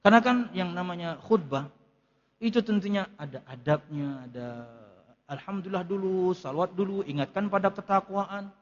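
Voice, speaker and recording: A man's voice: high voice, moderate pace, big-room sound, lo-fi sound. A man teaching a religious study lecture, reading Arabic lines and explaining them in casual, conversational speech. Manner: explains Arabic text line by line in casual Indonesian. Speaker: ustadz teaching a kitab study.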